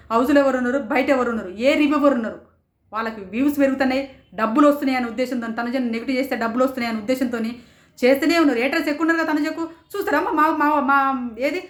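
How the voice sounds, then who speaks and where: A woman reviewing a reality show in rapid, indignant commentary, firing off rhetorical questions. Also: sits high, reverberant. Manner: rapid, rhetorical, indignant, quotes others in raised voices. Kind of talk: passionate commentary.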